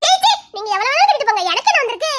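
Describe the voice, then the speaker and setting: A woman acting a teary, sharp-tongued young woman in a comic romance drama, scolding and sulking in a Tamil accent. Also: very high voice, sing-song, racing, noisy background. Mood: snappy. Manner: scolding, sulky, flaring into threats.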